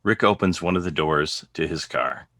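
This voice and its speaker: A man reads aloud the scene directions of a script in measured, declarative sentences. His voice is very low, crisp-edged and sharp, with an expressive delivery. The recording is dry and close, with no echo.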